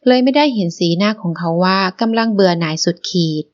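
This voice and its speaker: A woman narrating a romance novel as an audiobook, in a measured storytelling manner. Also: mid-range voice, lo-fi sound.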